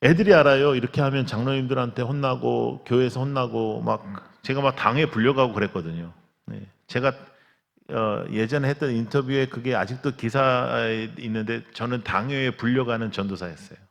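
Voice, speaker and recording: A man preaching a revival sermon as pastor, telling stories with lively acted-out quotes and cries. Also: medium pitch, moderate pace, creaky. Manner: animated storytelling, acts out quotes and cries. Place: large church sanctuary. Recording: long church hall reverb.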